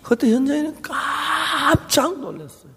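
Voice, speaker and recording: A male preacher telling a story in a sermon, acting out the people in it and moving between hushed and raised voice. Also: very high-pitched, lively intonation, unhurried. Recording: long hall reverb.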